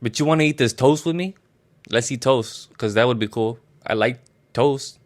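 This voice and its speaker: A man's voice: mid-range voice, normal speed, natural voice. A man voicing a clumsy, hopeful male friar wrestler who talks in a whiny, rambling, profane way. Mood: dreamy.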